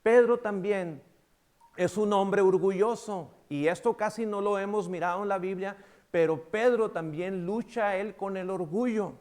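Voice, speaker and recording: A man with a Mexican Spanish accent preaching a sermon as pastor, animated, acting out dialogue with big swings from loud to soft. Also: high voice, measured pace.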